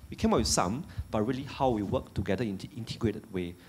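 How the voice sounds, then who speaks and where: A man's voice: fairly low pitch, lively intonation, quick pace, a little mellow, a little hiss or hum. A man speaking on a panel in a large hall, earnest and holding a handheld mic, often repeating words as he searches for phrasing. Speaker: panelist, Singapore official. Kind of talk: panel discussion answer. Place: large lecture hall on stage. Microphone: handheld microphone.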